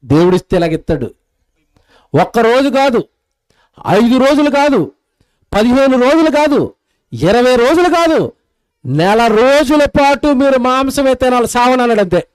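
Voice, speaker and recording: Male preacher, sermon, high voice, lively pitch, storytelling. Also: a little slow, long pauses, clean tone, rough recording. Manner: animated storytelling, acts out quoted voices.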